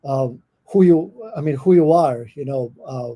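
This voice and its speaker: A middle-aged man from Croatia with a Croatian accent, a professor answering podcast interview questions thoughtfully, often pausing with fillers and restarting. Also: a little high, dull audio. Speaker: guest professor.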